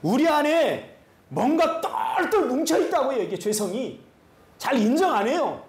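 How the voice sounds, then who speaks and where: A male pastor giving an animated sermon full of rhetorical questions to his congregation. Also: extremely high pitch, measured pace, reverberant. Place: church sanctuary.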